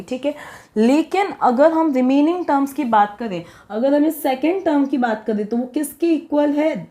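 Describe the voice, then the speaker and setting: High-voiced woman teaching code step by step. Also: warm tone. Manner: explains step by step, asks and answers her own questions. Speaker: programming teacher. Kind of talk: Hindi coding tutorial.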